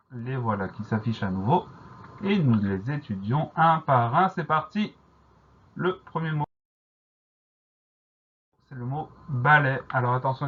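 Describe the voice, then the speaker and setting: Man, middle pitch, husky, patient spelling teacher, dull lo-fi recording. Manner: slow, careful, repeats each spelling. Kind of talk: dictation lesson, spelling words letter by letter.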